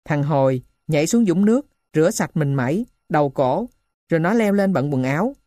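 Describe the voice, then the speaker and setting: A woman giving steady scripted narration of a novel. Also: deep voice, moderate pace, no room sound, clean studio sound.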